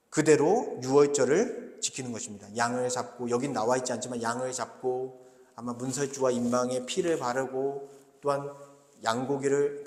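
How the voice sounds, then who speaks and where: A man's voice: medium pitch, darkish tone. A man preaching a sermon as pastor, earnestly asking rhetorical questions and answering them. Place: church sanctuary. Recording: echoey church hall.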